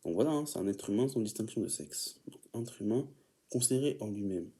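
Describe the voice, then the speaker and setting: This man's voice sits on the low side, with a dark tone, and he speaks briskly and expressively. He's preaching an informal teaching sermon, often stumbling and repeating words as he reads definitions aloud, and he calls his listeners beloved.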